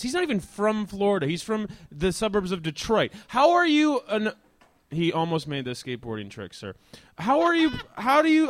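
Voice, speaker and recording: A male talk show host riffs through a rambling comic monologue in front of a live crowd outdoors. His voice sits high, and the sound is dry and close, with almost no room around it. He jumps between jokes and asides and breaks into the odd shout. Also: dry recording. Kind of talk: live stand-up style monologue to an audience.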